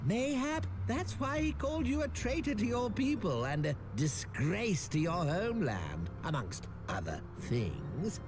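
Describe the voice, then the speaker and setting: Haughty, swooping grand-vizier villain. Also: male voice, sits high, wildly swooping pitch, unhurried, hardly any pauses, background noise, exaggerated voice. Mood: haughty, gloating. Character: haughty, scheming, smug male merchant magnate. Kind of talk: scripted game dialogue, archaic formal diction. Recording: music behind the voice.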